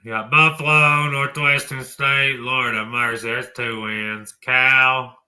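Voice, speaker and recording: Blunt man, very bright tone. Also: medium pitch, steady tone, slow. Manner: blunt, folksy, swears casually. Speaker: college football show host. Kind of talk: opinionated sports talk.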